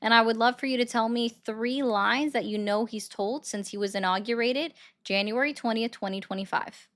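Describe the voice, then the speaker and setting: A woman's voice: a little high, moderate pace, fairly bright tone. A woman hosting a political call-in livestream, talking bluntly and pushing back firmly on her callers. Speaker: host taking viewer calls.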